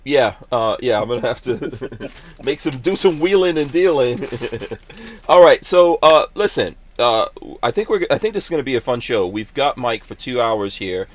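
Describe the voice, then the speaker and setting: A man's voice: mid-range voice, animated, moderate pace. A middle-aged man from Guyana hosting a podcast in casual chat, joking and laughing often. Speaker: podcast host.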